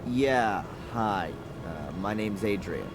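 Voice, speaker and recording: A man's voice: on the low side, animated, takes it slowly, background noise. A man voicing a sullen, sceptical suspect who is a video game's protagonist, dry and sardonic. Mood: hesitant, sceptical. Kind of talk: video game voice acting.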